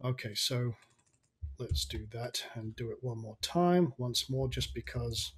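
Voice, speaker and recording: Casual man with a slightly raspy voice. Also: medium pitch, measured pace. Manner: informal, thinking aloud. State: tired. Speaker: online marketing coach. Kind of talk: casual screen-share tutorial.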